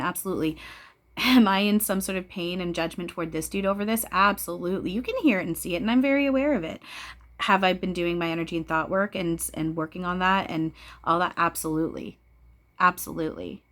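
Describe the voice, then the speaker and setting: A woman's voice: fairly low pitch, fast, fairly bright tone. A woman giving a casual spiritual talk to viewers, blunt and preachy, swearing freely and repeating phrases for emphasis. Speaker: spiritual channeler speaking to viewers.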